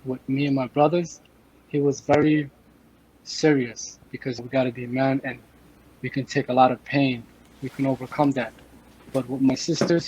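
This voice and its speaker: A man in his thirties from Afghanistan, a podcast guest, speaks in a direct, measured way and repeats phrases for emphasis. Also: mid-range voice, a little mellow, slight background noise, low-quality recording. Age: 30s. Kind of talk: casual chat.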